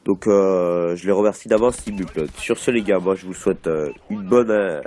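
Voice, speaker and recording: A man's voice: sits low, moderate pace, dark tone. A man hosting a gaming video, talking casually over gameplay, rambling with many fillers and repeats. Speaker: gaming channel host.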